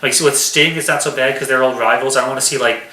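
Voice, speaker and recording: A man's voice: mid-range voice, steady tone, fast talker, sharp tone. A man co-hosting a casual wrestling prediction chat, announcing each match and giving his picks. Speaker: podcast co-host. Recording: echoey room.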